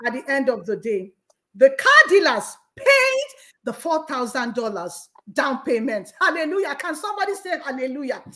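A woman's voice: sits high, animated, a little fast, few pauses, fairly bright tone. A woman hosting a faith talk show, sharing an emotional, fervent testimony and calling out praise. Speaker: host. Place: Canada.

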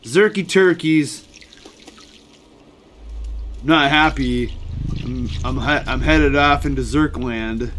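A man hosting a gaming channel, giving excitable playthrough commentary and yelling at enemies on screen. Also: medium pitch, takes it slowly, long pauses. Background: game music.

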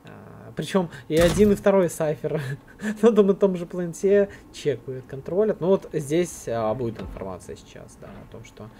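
A man giving live play-by-play esports commentary, with halting phrases as he follows the action. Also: fairly high pitch, big pitch swings, mellow. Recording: clear noise, clicks, game sounds.

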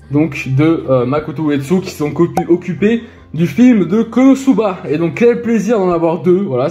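A chatty man walks through his haul in a casual vlog, repeating himself and filling gaps with little hesitations. His voice sits a touch high for a man, and faint music plays underneath. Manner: chatty, many fillers and repeats, excited. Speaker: vlogger showing convention purchases.

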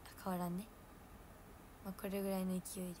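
A young woman with a Hiroshima dialect, hosting a casual livestream and chatting with viewers from home. She laughs at herself and gets loud when she acts out what people said. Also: medium pitch, completely flat delivery, fast, slight background noise. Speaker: idol livestream host.

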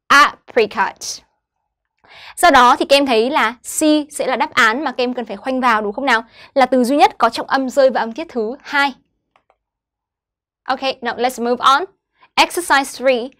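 Higher-voiced woman teaching English words. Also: a bit bright. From Vietnam. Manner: slow clear modeling of English words, then explaining. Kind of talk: online English lesson for children.

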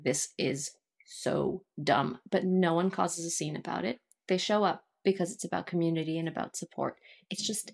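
A woman co-hosting a casual podcast, talking in a thoughtful, rambling way and laughing often. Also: lowish voice. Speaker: podcast co-host. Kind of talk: casual chat.

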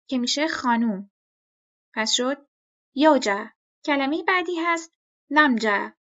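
A woman giving a scripted language lesson, speaking clearly and patiently and repeating each example slowly. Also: high-pitched, bright, forceful tone, muffled recording. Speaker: language teacher.

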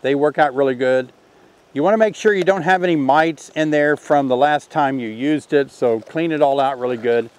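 A man in his sixties teaching a beekeeping test outdoors by the hives, talking in a relaxed, folksy way while he works. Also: a little high, normal speed. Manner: relaxed, folksy, thinks aloud while working. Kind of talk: hands-on outdoor demonstration. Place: outdoors in an orchard beside beehives.

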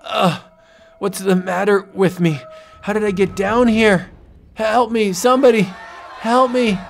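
A man's voice: a little high, expressive, measured pace. A man doing the arrogant hunter Clay Breaker. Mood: panicked. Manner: arrogant, domineering, later panicked. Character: cruel obsessed male big-game hunter.

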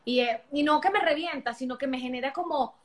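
A woman guest talking loudly and energetically on a live video chat, projecting her voice the way she does when teaching. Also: sits high, a little fast. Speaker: sexologist guest. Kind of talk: casual live-stream chat.

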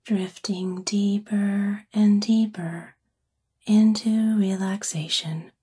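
In a soft, breathy whisper, a woman gently guides a sleep meditation in an ASMR-like style. Her mid-range voice keeps a steady tone, and her phrasing is soothing and unhurried.

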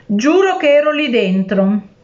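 A cruel, tricky male genie from a spoken storybook, as a woman reader puts him on. The voice sits somewhat high and unhurried, threatening one moment and wheedling the next. The recording sounds a little dull and lo-fi. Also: big pitch swings, darkish tone. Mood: menacing.

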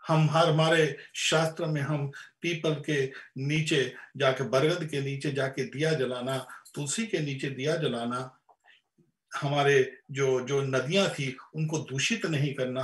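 A man's voice: mid-range voice, unhurried. Impassioned male lecturer in a roomy hall. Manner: impassioned, rising to loud emphatic peaks; repeats words while searching, frequent restarts. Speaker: spiritual lecturer. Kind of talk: Hindi religious discourse.

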